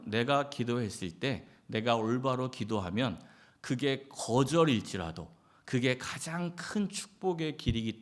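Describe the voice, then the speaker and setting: A male pastor giving a Sunday sermon in a conversational way, asking the congregation questions and acting out short quotes. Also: mid-range voice. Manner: conversational preaching with acted quotes and rhetorical questions.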